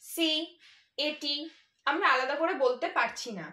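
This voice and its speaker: Female teacher, high bright voice, patient letter-by-letter spelling, echoey room. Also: expressive, normal speed. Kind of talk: children's English lesson.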